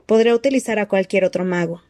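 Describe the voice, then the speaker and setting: Woman doing a cold dark-lord man, slow soft hissing threats, mellow dark tone, storybook reading. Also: medium pitch, no echo, clean studio sound, natural voice.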